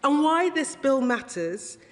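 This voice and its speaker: A woman's voice: high voice, sing-song, slow. Woman minister addressing a reverberant chamber. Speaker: government minister. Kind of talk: formal parliamentary speech. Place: large parliamentary debating chamber.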